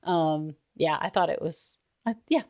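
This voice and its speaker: Middle-aged lady podcast host, kinda low voice, rambly and giggly, dry mic. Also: unhurried, darkish tone, no echo. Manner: chatty and rambling, laughs often. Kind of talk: casual chat.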